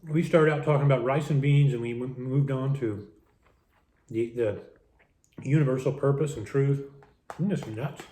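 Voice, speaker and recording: Man, vlogger type, warm low-key voice, musing monologue while eating, echoey room. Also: normal speed, pauses often. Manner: musing, talks with mouth full, repeats words. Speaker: vlogger eating a meal on camera.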